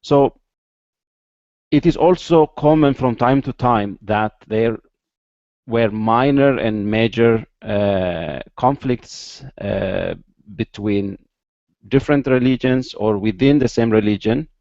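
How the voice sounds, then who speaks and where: A man from Ethiopia, a guest in an interview, explaining at length with many pauses and fillers over a video call. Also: mid-range voice, a little mellow, dry recording, highs cut off.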